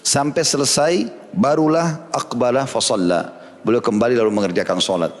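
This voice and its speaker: A man's voice: moderate pace, big-room sound. A man giving a religious lecture, telling a story and acting out the quoted lines with his voice rising. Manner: storytelling, acting out quoted dialogue in a raised pitch. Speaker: preacher.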